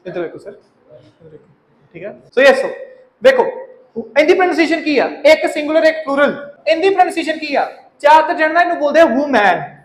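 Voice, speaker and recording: A man with a Punjabi accent teaching an IELTS pronunciation class, repeating words over and over and often asking the students if it is clear. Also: very high voice, reverberant, low-quality recording. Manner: drills words by repeating them, checks in often with "okay?".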